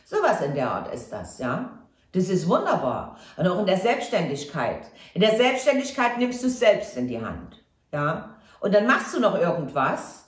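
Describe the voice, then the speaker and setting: A woman's voice: on the low side, huge pitch swings, moderate pace, echoey room. A woman giving a casual tarot reading to camera, chatty and reassuring, often tagging on a questioning "ja?". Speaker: tarot reader.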